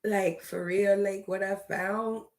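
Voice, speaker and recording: A woman casually telling a personal story about her ancestors, unhurried, with many fillers, laughs and trailing pauses. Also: mid-range voice, steady tone. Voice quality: slow, drawn-out speech with many fillers. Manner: emotional, laughs and trails off, speaks to spirits. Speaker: vlogger.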